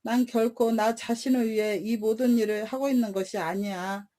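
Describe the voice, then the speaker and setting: A woman's voice: on the high side, steady tone, normal speed, dark tone, close to an everyday voice. A woman voicing a self-assured snake's head in a bedtime story, speaking in a scolding, patronizing manner.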